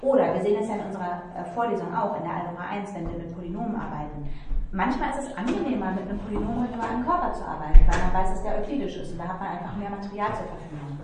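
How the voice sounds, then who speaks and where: A woman's voice: mid-range voice, rapid-fire. A woman lecturer patiently explaining algebra in a tutoring session, thinking aloud as she goes. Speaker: mathematics lecturer. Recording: echoey room, mic far off, faint noise.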